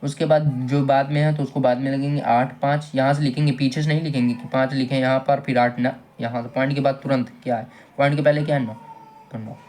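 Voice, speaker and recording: A man's voice: medium pitch, steady tone, fast, a little mellow. A man teaching a maths lesson step by step, patiently repeating each step and asking his students questions. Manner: patient, repeats steps and asks the class questions.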